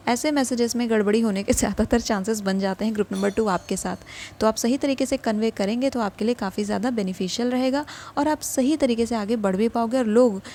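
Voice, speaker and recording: तरोट पढ़ती ऊँची आवाज़ वाली महिला. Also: female voice, a little high. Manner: gentle advising, mixes English into Hindi. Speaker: tarot reader. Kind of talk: tarot reading for viewers.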